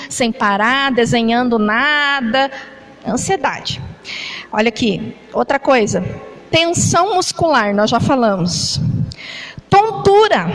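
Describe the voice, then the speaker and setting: Slow, high-voiced Brazilian woman preaching. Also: low-quality recording. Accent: Brazilian Portuguese. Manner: conversational, frequent tag questions to the congregation; demonstrates with gestures while talking. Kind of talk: church sermon on anxiety.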